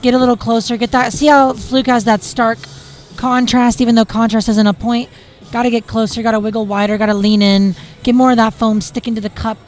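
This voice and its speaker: A man giving live color commentary, offering quick, coaching critique of each entry. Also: very high voice, flat delivery. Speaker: color commentator and judge-style analyst.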